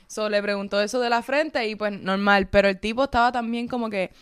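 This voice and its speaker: A young woman telling a story in casual chat, animated and switching into English. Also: medium pitch, fairly quick, clean tone. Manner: animated, mixes English into Spanish.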